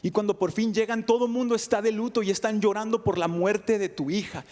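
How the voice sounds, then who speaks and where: A man's voice: sits high, fairly even intonation, fairly quick, a little mellow, in a large hall. A man preaching a sermon, retelling a scripture story in second person with dramatic swings, sometimes dropping to a whisper. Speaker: pastor. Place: church sanctuary.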